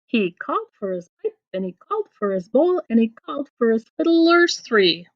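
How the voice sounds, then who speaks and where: Like a teacher, a woman reads rhymes aloud to children, her a-little-high voice expressive, deliberate, and sing-song in storytelling style. The sound is dull and lo-fi.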